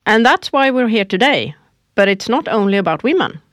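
A woman's voice: a little high, big pitch swings, normal speed, fairly bright tone, no room sound, studio quality. A woman co-hosting a corporate podcast who gives prepared lines with emphasis. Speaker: podcast co-host. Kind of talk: scripted corporate podcast dialogue.

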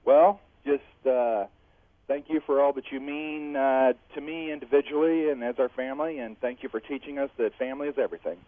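A man speaks to a radio host over the phone, his voice squeezed through a thin, tinny line with no room sound around it. His pitch sits in a middle range. He talks in a reflective, heartfelt way, with small chuckles between his thoughts. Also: steady tone, a little fast, no room sound. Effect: heard over the phone. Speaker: radio caller. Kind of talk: call-in chat.

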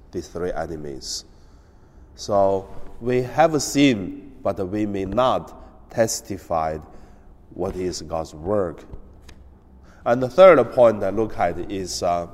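Slow-spoken priest in cathedral echo. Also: male voice, deep voice, darkish tone. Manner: slow, halting delivery with frequent hesitations. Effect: cathedral echo, long church reverb. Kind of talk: gospel reading and homily. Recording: long reverb of a large church.

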